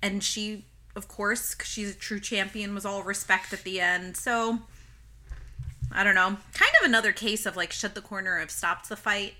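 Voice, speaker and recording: A woman's voice: mid-range voice, steady tone, moderate pace, sharp tone. A woman co-hosting a podcast in casual chat, recorded inside a small closet, chatty and swearing freely. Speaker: podcast co-host.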